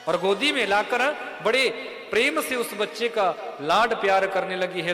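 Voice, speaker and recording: A male preacher narrating a sacred tale in a devotional sermon, turning to his listeners with direct questions. His voice sits high for a man and rings with a long hall reverb, with music playing clearly underneath. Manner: lively, addresses listeners directly with rhetorical questions. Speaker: religious storyteller, preacher. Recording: echoey hall with music behind.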